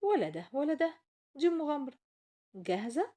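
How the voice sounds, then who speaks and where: A woman's voice: medium pitch, very animated, brisk, mellow, husky. A woman with an Egyptian accent voicing a magic talking chair in a children's story, grand and inviting like a guide. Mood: excited, inviting.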